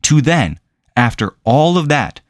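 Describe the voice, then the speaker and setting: A man's voice: medium pitch, big pitch swings, measured pace, no echo. A man giving sarcastic video commentary as a reviewer, with a dry, incredulous way of asking questions.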